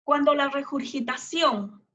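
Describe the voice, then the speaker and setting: A woman's voice: high-pitched, unhurried, bright, forceful tone. A woman giving a medical lecture, explaining patiently, repeating phrases and checking that students follow. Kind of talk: recorded university lecture. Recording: dull lo-fi lecture recording.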